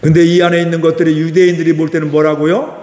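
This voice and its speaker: Man, pastor, sermon, high voice, rhetorical questions to the congregation, acts out quotes, echoey church hall. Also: level tone, quick pace, darkish tone. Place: church sanctuary.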